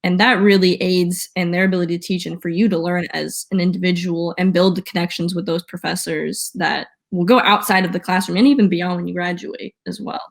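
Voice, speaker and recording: A woman's voice: fairly low pitch, steady tone, fairly quick, vocal fry, few pauses. A young woman in her twenties hosting an interview, friendly and affirming as she steers with questions. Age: 20s. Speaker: student host.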